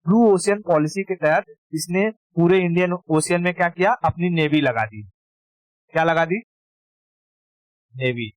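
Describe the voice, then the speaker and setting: Male tutor, slightly high voice, dry close sound, informal and repetitive, drills key terms. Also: normal speed, long pauses, no echo, low-quality recording. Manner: informal, repeats key terms and checks understanding. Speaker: history teacher. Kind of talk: casual exam-prep lecture.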